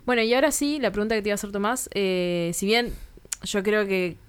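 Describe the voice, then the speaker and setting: A woman's voice: medium pitch, a little fast, clean tone. A woman, a radio interviewer asking hesitant questions full of fillers.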